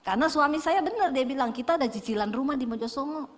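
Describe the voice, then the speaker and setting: Woman pastor, higher voice, funny storytelling sermon in an echoey church hall. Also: fast. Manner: humorous storytelling, addressing the congregation.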